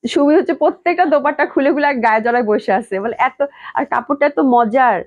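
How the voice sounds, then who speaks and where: Hoarse, gushing saleswoman. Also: sits high, quick pace, dry recording, phone-quality sound. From Bangladesh. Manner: gushing, repetitive praise. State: hoarse from a cold. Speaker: online clothing seller. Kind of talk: live sales stream.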